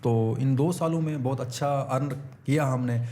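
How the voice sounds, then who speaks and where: A man from Pakistan talks as a guest in a casual interview, his voice at an ordinary medium pitch. He recounts his work earnestly and drops English terms into his sentences. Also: moderate pace, mellow. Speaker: interview guest, online seller.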